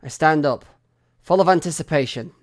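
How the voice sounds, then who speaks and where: A man's voice: a little high, no echo. Man reading a game dramatically. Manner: slow, expressive reading that rises into anxious cries. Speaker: streamer reading a visual novel aloud.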